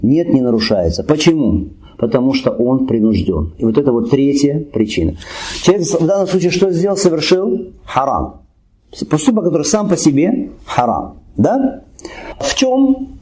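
Male religious teacher, lively rising and falling delivery, warm mellow tone, poses questions and answers them. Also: on the high side. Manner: asks the audience questions and answers them himself; recites Arabic blessings quickly. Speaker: Islamic teacher. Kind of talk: religious lecture.

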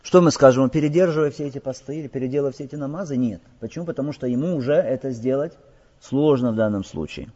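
An Islamic teacher gives a religious lesson in a mid-range, warm, husky voice, talking fast as he explains rulings. He poses rhetorical questions to his listeners and often checks in with "all right?". The lo-fi recording carries a long hall reverb.

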